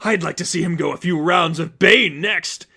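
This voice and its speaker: A man voicing a manic, gleeful clown supervillain in a high, loud, theatrical, taunting voice for a story reading. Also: normal speed, vocal fry, husky, full character voice.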